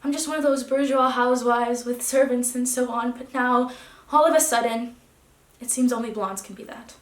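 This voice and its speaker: A woman's voice: fairly high pitch, fairly even intonation, normal speed, natural voice. A woman playing a resigned wife leaving her husband. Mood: searching. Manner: restrained, dropping to hushed tones, then rising. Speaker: actor. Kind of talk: theatrical stage monologue. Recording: echoey room.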